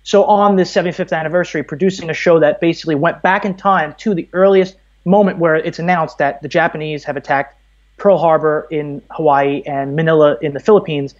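On a casual podcast, a Brooklyn-born American audio producer in his thirties talks at length and explains things as a guest. He speaks a little fast with fairly even intonation in a slightly high voice, and the recording is a bit dull and muffled.

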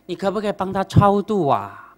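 A woman's voice: medium pitch, big pitch swings, fairly quick, mellow, lightly acted. A woman voicing a grieving old fisherman father who pleads emotionally with his teacher. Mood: pleading.

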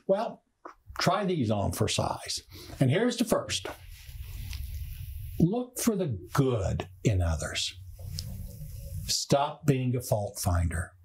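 A man preaching a sermon as a pastor, earnest and unhurried, drawing out key words for emphasis. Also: medium pitch, a little mellow, husky.

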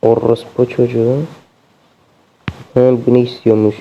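A man's voice: mid-range voice, level tone, unhurried, gravelly, a little hiss or hum. A young man commentating a game as he plays, swearing constantly and sounding exasperated. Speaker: gameplay streamer. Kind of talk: let's play commentary. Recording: dull lo-fi sound.

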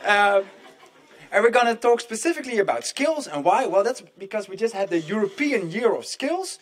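A man's voice: sits high, very animated, normal speed. A middle-aged man moderating a live event in a conference hall, chatty and joking as he speaks straight to the audience. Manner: chatty, jokey, addresses the audience directly.

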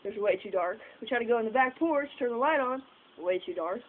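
A woman's voice: fairly high pitch, animated, fast. A young woman chatting casually for a vlog, rambling with lots of fillers and the odd swear, recorded outdoors at night on a phone camera set far away. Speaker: vlogger. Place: outdoors at night by a house porch. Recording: tinny phone audio outdoors with noise.

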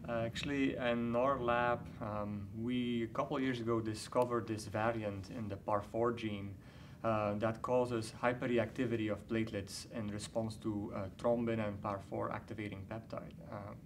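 A man in his thirties from Belgium, a researcher explaining his work in a measured way with many fillers, at a conference interview. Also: on the low side, steady tone, slight background noise. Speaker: award-winning researcher, interviewee. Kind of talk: scientific interview. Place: conference interview booth, indoors.

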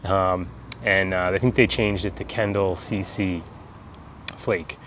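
American guy in his 40s, lowish voice, easygoing halting vlog chat outside, bit of background noise. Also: steady tone, fairly bright tone. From United States. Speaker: pipe tobacco reviewer. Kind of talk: casual video chat. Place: outdoors in a backyard garden. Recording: outdoor ambient background noise.

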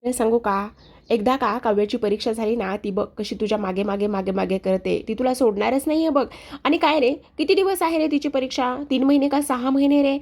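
A woman voicing a teasing, talkative middle-aged mother who coaxes her son to speak, in a slightly gravelly voice. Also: on the high side, fairly quick, a little mellow. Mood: coaxing. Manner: playful, coaxing, chattering.

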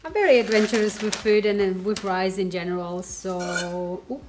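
A native German-speaking woman, a home cook vlogger, chats casually through a cooking demo in her indoor home kitchen while sniffly with a cold. Her voice sits at a medium pitch and moves at a normal speed. Background noise and music can be heard.

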